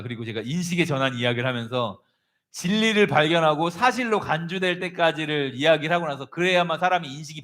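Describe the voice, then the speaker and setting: A male pastor preaching a sermon, telling a story with animated delivery and calling on congregation members by name. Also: fairly high pitch.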